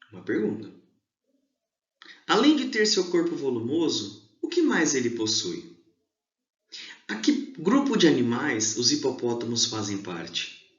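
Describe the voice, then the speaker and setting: Male teacher, lively voice, slow emphatic explaining, echoey room, dull lo-fi recording. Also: medium pitch. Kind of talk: exam review lesson for children.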